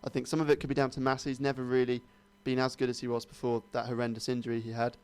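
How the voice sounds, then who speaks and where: A man's voice: mid-range voice, clean tone. A young man co-hosting a sports radio show, chatting casually and hedging his opinions. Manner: quick, flat-toned, hedging opinions.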